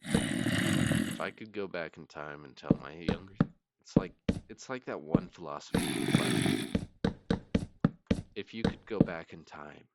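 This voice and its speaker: Weary man, very low creaky voice, slow and brooding solo ramble, clearly noisy recording with clicks. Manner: weary, halting and brooding, trailing off. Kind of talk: late-night rambling solo monologue.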